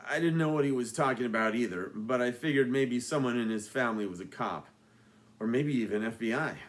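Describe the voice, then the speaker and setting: An author reads his own novel in a mid-pitched male voice. He tells the story with dry, deadpan humor. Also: fairly quick. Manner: wry, deadpan asides. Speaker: author reading his book. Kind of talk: audiobook narration.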